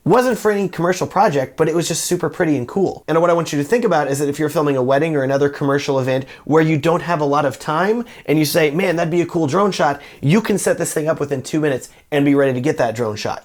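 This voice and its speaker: A man's voice: fairly high pitch, fast. A man who is a wedding filmmaker, giving a casual product review in a chatty, enthusiastic way and talking straight to the viewer.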